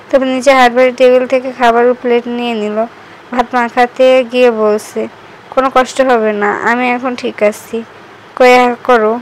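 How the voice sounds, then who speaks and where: Amateur female audiobook reader, slightly high, flat delivery. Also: a little hiss or hum, low-quality recording. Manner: reads all parts in her own voice, even delivery. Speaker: audiobook narrator.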